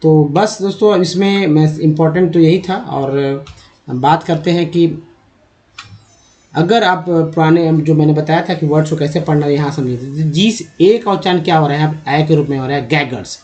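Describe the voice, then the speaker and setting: A man's voice: a little high, normal speed, darkish tone. A man teaching English reading, sounding out words letter by letter and repeating each one. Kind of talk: slow spoken lesson spelling out word pronunciations. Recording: dull lo-fi recording.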